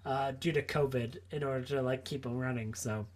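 A man's voice: medium pitch, fairly even intonation, normal speed. A tipsy man co-hosting a podcast, rambling through a story with constant filler words. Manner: rambling, lots of filler likes. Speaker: podcast co-host.

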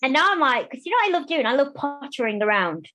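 A woman speaking candidly as a podcast interview guest, animated and quick to restart phrases and act out what others say. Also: sits high, low-quality recording. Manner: animated, restarts phrases, acts out quoted voices.

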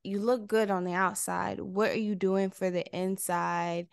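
A woman hosting a podcast, asking questions in a halting casual way with many fillers. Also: medium pitch, flat delivery, creaky, smooth, dry recording, clean studio sound. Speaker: podcast host. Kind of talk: casual interview chat.

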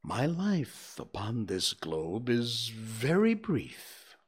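A man voicing a sorrowful, aging male spirit who speaks low, in a hushed, half-whispered voice. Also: wildly swooping pitch, drawn-out words, slightly rough, full character voice. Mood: solemn.

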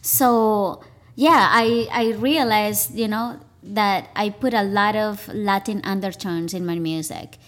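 A woman's voice: medium pitch, slow pace, a bit bright. Easygoing woman from Colombia. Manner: easygoing, with frequent "you know" fillers. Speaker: guest, DJ and music producer. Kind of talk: casual interview answers.

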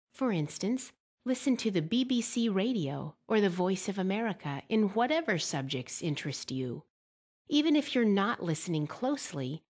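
A woman giving scripted instructional narration for exam preparation in a measured way, slowing down to model example words. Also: medium pitch, darkish tone.

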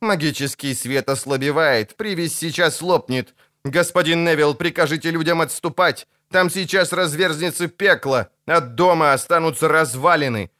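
A man's voice: fairly high pitch, sharp tone, dry recording, studio quality, voice pushed up. Man playing a gloomy, stern priest. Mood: grave. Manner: grave, measured warnings. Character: gloomy middle-aged male priest, stern.

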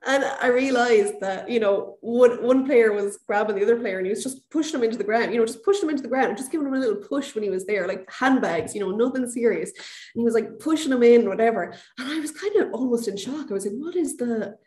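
A woman's voice: fairly high pitch, quick pace, a little mellow, echoey room. A woman telling a refereeing story in a chatty way, acting out the dialogue with lots of fillers. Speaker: guest, former American football referee. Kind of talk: casual anecdotal interview.

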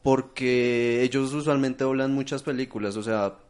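Male co-host, chatty and opinionated, mid-pitched voice. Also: steady tone, normal speed, darkish tone. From Colombia. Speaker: podcast co-host. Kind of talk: casual chat.

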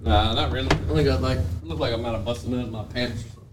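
A man, excitable and clowning through casual teasing banter. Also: mid-range voice, racing, slight background noise.

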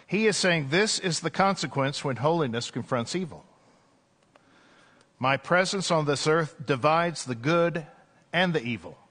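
A man preaching a sermon as an Anglican priest at a pulpit microphone in church, in a conversational way with gentle jokes and "uh" fillers. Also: on the high side, animated, measured pace.

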